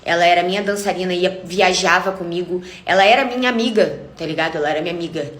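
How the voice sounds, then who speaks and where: A woman's voice: lowish voice, fast, fairly bright tone. Angry young Brazilian woman telling a story. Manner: angry, emphatic, repetitive. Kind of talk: casual storytelling vlog. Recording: echoey room.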